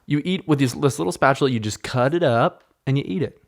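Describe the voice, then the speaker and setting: A man hosts his podcast solo, talking loosely and cheerfully with plenty of swearing. His voice sits at an ordinary middle pitch. He speaks indoors into a podcast microphone. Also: fast talker, vocal fry. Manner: rambling, profane, upbeat. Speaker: podcast host. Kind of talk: casual solo podcast chat. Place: indoor room.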